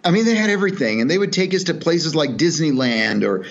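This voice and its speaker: Speaking fast with lively intonation and a fairly high pitch, this man comes through on dull-sounding audio. He's a middle-aged charity executive from El Salvador, guesting on a podcast and sharing his story in a relaxed way. His telling is earnest and reflective, with many fillers and restarts.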